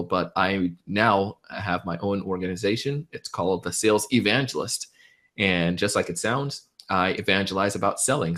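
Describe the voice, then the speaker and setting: A low-voiced man who grew up in Jamaica speaks as the guest in an interview over a video call. He talks with enthusiasm and energy, like a practiced speaker telling his story. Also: fairly bright tone. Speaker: public speaking champion guest. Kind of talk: webinar interview.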